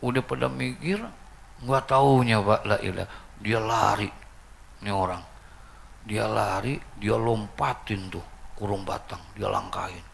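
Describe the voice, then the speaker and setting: An older man giving a humorous mosque sermon, storytelling and acting out characters in high excited voices. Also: unhurried, vocal fry, long pauses, slight background noise. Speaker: preacher.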